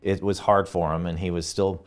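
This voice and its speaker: A man's voice: deep voice, normal speed, over music. A middle-aged man, a guest co-owner of a funeral home, telling stories in a casual interview with frequent laughs and restarts. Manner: animated anecdotes, laughing often, restarts mid-sentence.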